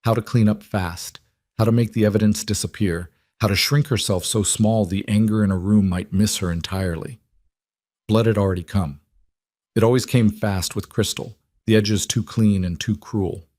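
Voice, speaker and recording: A man narrating a scripted story in a measured, grave delivery. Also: on the low side, steady tone, darkish tone, no echo, studio quality.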